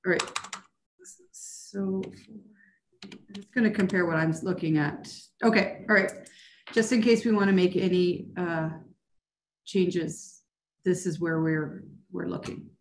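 A woman's voice: lowish voice, steady tone, measured pace, long pauses, slight background noise. A woman mayor chairing a council meeting over a video call, asking careful clarifying questions. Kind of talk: formal meeting discussion.

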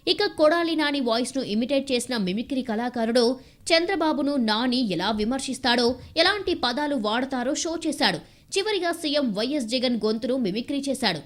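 A woman's voice: sits high, animated, normal speed. Dramatic female news narrator. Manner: punchy, dramatic delivery. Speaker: news voice-over reader. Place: studio voice-over.

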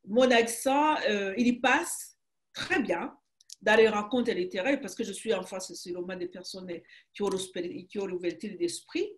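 Interviewed from her home over a webcam video call, a Rwandan woman author in her sixties speaks French with a Rwandan accent and a medium-pitched voice. The conversation is informal, and she speaks haltingly, with emphasis, frequently starting phrases over.

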